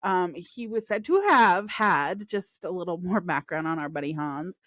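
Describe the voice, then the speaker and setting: A woman's voice: on the low side, normal speed, fairly bright tone, no echo. A woman co-hosting a podcast, casually telling crime stories and laughing often. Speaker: podcast co-host. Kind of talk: casual true-crime chat.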